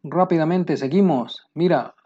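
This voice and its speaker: A man with a Mexican Spanish accent teaching military vocabulary, pausing to say each English term slowly and plainly. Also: a little high, warm tone, slightly rough, highs cut off. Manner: explains terms, slows down for English words. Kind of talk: vocabulary lesson.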